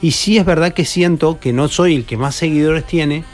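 A man's voice: on the high side, normal speed, darkish tone, soft background music. Chatty Argentine man telling stories. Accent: Rioplatense Argentine. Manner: chatty storyteller, many restarts. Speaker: professional padel player, radio guest. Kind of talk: casual radio interview. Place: radio studio.

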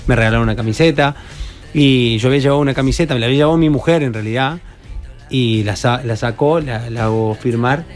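An Argentine man with a Rioplatense accent tells a story as a guest on a radio show, rambling and restarting as he goes. His voice sits in a middle register. Faint music plays softly behind him. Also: medium pitch, quick pace. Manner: chatty storyteller, many restarts. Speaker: professional padel player, radio guest. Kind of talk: casual radio interview. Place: radio studio.

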